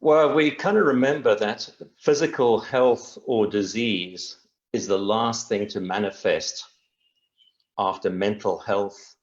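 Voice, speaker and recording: A man's voice: fairly low pitch, takes it slowly, highs cut off. A middle-aged man from Tanzania, a guest speaking in an earnest, reflective and meandering way in a casual interview over a video call.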